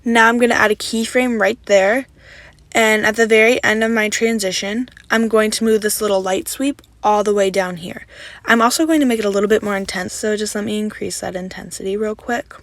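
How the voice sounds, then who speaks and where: A young woman who makes video editing tutorials records a casual voice-over for a screen recording, her mid-range voice slightly raspy as if she just woke up. Speaking fairly quickly in a dry recording, she gives relaxed, chatty step-by-step instructions peppered with "so yeah."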